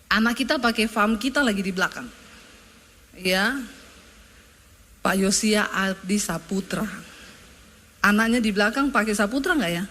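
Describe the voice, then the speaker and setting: A woman pastor preaching at a middle pitch. She prays to her congregation and talks with them, and her voice jumps higher and livelier when she tells everyday stories. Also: slight background noise. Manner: lively, rises high when telling stories. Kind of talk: sermon.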